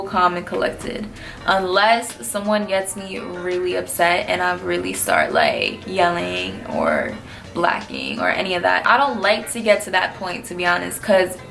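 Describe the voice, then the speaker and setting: A twenty-one-year-old vlogger from New City, New York City, answers viewer questions in a casual Q&A video. Her mid-range voice is creaky and a bit bright, and her style is blunt, slangy and laid-back.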